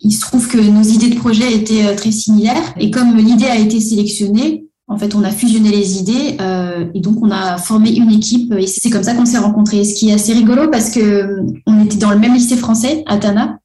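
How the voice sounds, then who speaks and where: A woman's voice: mid-range voice, steady tone, brisk, dark tone, reverberant. A woman from Madagascar, a game co-creator, answering interview questions with many fillers. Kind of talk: casual interview.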